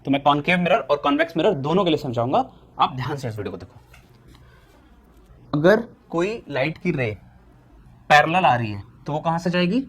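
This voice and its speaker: A young Indian man teaching a physics lesson at a board, asking questions and answering them himself, slowing down to dictate definitions. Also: a little high, very animated. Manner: asks students questions and answers them himself, repeating key points.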